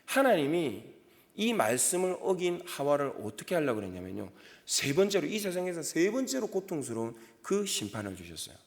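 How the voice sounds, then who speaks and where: Lively male pastor in a reverberant church. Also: fairly high pitch, a little fast. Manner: lively storytelling, acts out quoted voices. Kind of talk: sermon with personal stories. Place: church sanctuary. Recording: long hall reverb.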